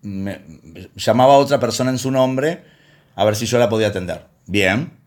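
A man's voice: medium pitch, moderate pace, a little mellow. A man preaching a sermon in a conversational way, telling anecdotes from his work as a counselor and acting out the voices he quotes. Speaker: pastor and counselor.

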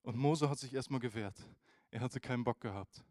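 A man preaching a casual youth sermon, informal and animated, who speaks straight to his listeners. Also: medium pitch, a little fast, no echo.

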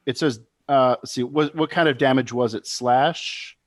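A man's voice: mid-range voice, moderate pace. A man taking part in a tabletop game, talking casually and reading out rules. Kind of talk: casual talk and rules read-out.

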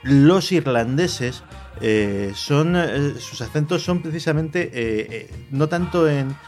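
A man from Madrid with a Madrid Spanish accent, co-hosting a podcast in a jokey, halting way with many fillers, over faint music. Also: on the high side, lively intonation, darkish tone. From Madrid, Spain. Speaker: podcast co-host. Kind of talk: casual chat.

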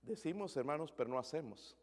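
A man's voice: on the high side, expressive, fairly quick, in a large hall. A man preaching a sermon as pastor, asking the congregation questions and dropping English words into his Spanish.

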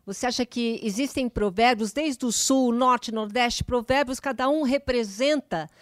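A woman co-hosting a podcast, talking in a lively, conversational way and asking the guest questions. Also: a little high, measured pace, dry recording, studio quality. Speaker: podcast co-host. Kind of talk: podcast interview.

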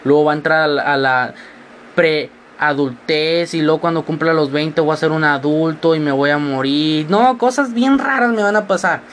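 This podcast host is a sixteen-year-old boy from northern Mexico whose accent blends several Mexican regions. His fairly high, fairly bright voice carries rambling, self-deprecating anecdotes full of jokes and sudden changes in tone, over a faint hiss or hum.

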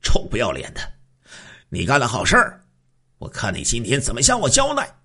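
A man voicing a cruel, jealous husband who scolds his wife gruffly. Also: mid-range voice, wildly swooping pitch, a little fast, bright, forceful tone, full character voice. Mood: menacing.

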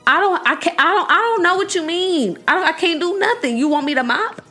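A woman's voice: very high voice, expressive, brisk, bright, forceful tone, soft background music, pitched above the performer's own voice, exaggerated voice. A woman voicing a frightened sixteen-year-old boy in jail, stammering and pleading to be left alone. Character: scared sixteen-year-old boy jailed among adults.

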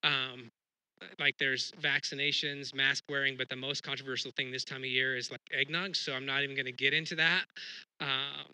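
A man's voice: mid-range voice, level tone, moderate pace, bright, forceful tone, smooth, dry recording, poor audio. A middle-aged man preaching a sermon as pastor, talking in a conversational, self-deprecating way with frequent restarts.

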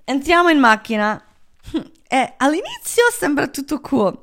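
Woman with as her telling a story, chatty and animated, slightly high voice, keeps laughing and tossing in words. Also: measured pace. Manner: animated, mixes English words into Italian, laughs often. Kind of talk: casual storytelling.

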